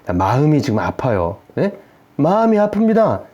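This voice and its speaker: Animated man lecturing as a family therapist. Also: on the high side, normal speed, highs cut off. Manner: animated, rhetorical questions. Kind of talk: explanatory video lecture.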